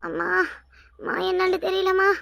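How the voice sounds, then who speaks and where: A woman plays a faint young village daughter in a cartoon, weak and pleading in a Kanyakumari Tamil accent, her voice very high with a gravelly edge. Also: level tone, moderate pace, a bit bright, dry recording, clean studio sound, heavily acted.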